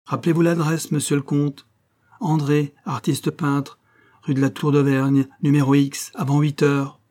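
A man's voice: medium pitch, normal speed, dark tone, natural voice. A man voicing a sly, mocking old male law clerk in an audiobook, with a sneering, ironic manner.

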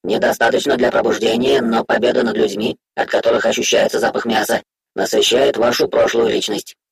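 A man voicing a gravelly monotone system voice. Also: medium pitch, a little fast, no echo. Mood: formal. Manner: formal, monotone announcements. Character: cold flat system interface voice addressing user.

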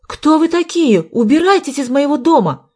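A woman reading an audiobook, voicing a frightened, indignant young woman whose voice breaks into shouts. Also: sits high, very animated, moderate pace, pitched above the performer's own voice. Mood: indignant shouting.

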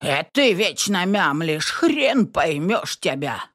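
A woman voicing a loud, quarrelsome old village granny who shouts and scolds in rustic dialect. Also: lowish voice, very animated, takes it slowly, heavily acted. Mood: shouting, scolding.

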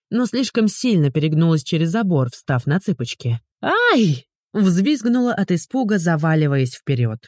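A woman narrating an audiobook in an expressive, storytelling manner. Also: fairly low pitch, dry recording, clean studio sound.

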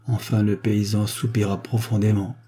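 A man narrating a classic story at a calm, measured pace. His voice sits low and dark, with a husky grain to it. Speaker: audiobook reader. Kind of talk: scripted narration.

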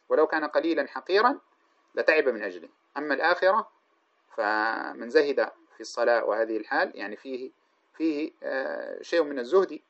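A man teaching hadith commentary in a religious lecture, explaining at length and pausing to correct himself mid-sentence. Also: mid-range voice. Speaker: Islamic scholar teaching hadith. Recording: dull lo-fi recording.

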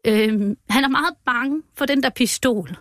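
A woman with a high voice tells her story as an interview guest, recorded dry and close. She is plainly moved and speaks haltingly, often breaking off and starting her sentences again. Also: a bit bright, no room sound. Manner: halting and emotional, many restarts. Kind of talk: personal account in a podcast interview.

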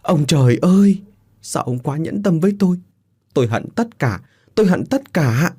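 A man's voice: medium pitch, expressive, fairly quick, mellow, natural voice. A man voicing a battered young wife who pleads and wails in an audio story. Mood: anguished. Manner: pleading, anguished.

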